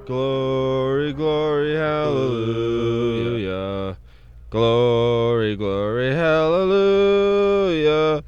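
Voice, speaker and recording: A man singing a hymn chorus in slow, drawn-out phrases, heard as an old recording played back. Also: medium pitch, a little mellow, clear, resonant tone, highs cut off, soft background music.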